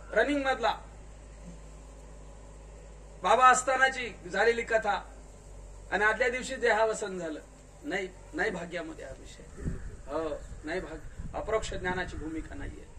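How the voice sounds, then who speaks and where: A man giving a spiritual discourse in a large tent, questioning the listeners and telling them to answer louder. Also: sits high. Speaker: kirtankar preacher. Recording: distant mic with faint noise.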